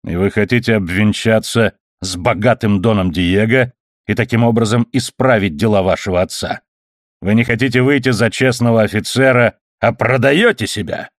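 Arrogant army captain, fawning then scornful, read by a man in a low, dry voice. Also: moderate pace, no echo, close to an everyday voice. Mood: mocking. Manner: smug, ingratiating, then mocking. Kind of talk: audiobook character reading.

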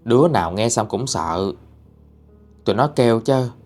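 A man's voice: medium pitch, animated, moderate pace, a little mellow, soft background music. A man with a Southern Vietnamese accent narrating a ghost story in a casual, chatty way, talking straight to his listeners. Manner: chatty, addresses listeners directly.

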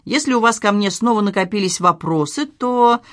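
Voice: mid-range voice, normal speed, a bit bright, no room sound, studio quality, pitched above the performer's own voice, natural voice. A narrator voicing an irritable male head waiter who talks indignantly and scolds, read in an audiobook. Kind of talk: audiobook character reading.

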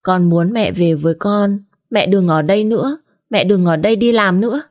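A woman's voice: medium pitch, moderate pace, darkish tone, pitched above the performer's own voice, lightly acted. A woman voicing a small boy who pleads tearfully with his mother. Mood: pleading.

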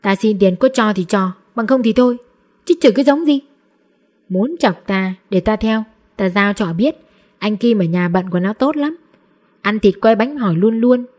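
A woman's voice: mid-range voice, normal speed, darkish tone, natural voice. A woman voicing a cheeky, defiant street boy in a storybook. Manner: cheeky, rude back-talk.

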